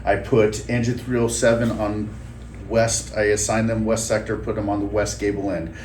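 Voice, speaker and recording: A male fire commander gives a methodical account of an incident. His voice sits a little low. The room echoes noticeably, with faint noise. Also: flat delivery, moderate pace, a little mellow. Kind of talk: recounting an incident response.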